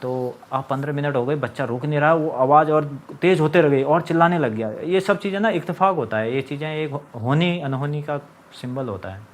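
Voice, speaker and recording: A man's voice: on the high side, brisk. A young man telling his own story in a casual monologue, agitated and complaining, acting out what others said. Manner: agitated, complaining, acts out quoted lines.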